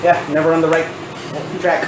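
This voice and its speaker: A man running a tabletop game as game master, improvising narration in a halting, piecemeal way with many filled pauses. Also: a little high, monotone. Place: indoor room shared with players. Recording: echoey room, clear background noise.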